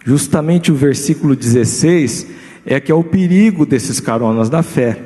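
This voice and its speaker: A Brazilian man preaching a sermon as pastor, his voice sitting a little high for a man. He keeps turning to the congregation with quick rhetorical questions. The sound carries a long hall reverb from the church. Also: mellow. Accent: Brazilian Portuguese.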